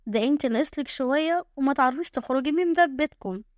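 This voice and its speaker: A woman's voice: sits high, fast, dry recording, clean studio sound, lightly acted. A woman voicing a group of young village girls with an Egyptian accent who tease and sneer. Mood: mocking. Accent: Egyptian Arabic. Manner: teasing, sneering.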